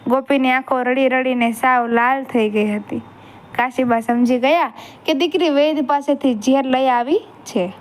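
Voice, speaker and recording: A woman narrating a dramatic family story in a steady storytelling manner. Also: sits high. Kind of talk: scripted narration.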